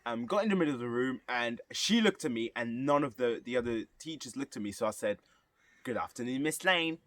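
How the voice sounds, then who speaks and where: A young man in his early twenties telling an animated story and acting out the voices of the people in it. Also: medium pitch, quick pace, dry recording. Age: young adult. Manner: animated, acts out the voices of others. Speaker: vlogger. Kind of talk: storytelling vlog.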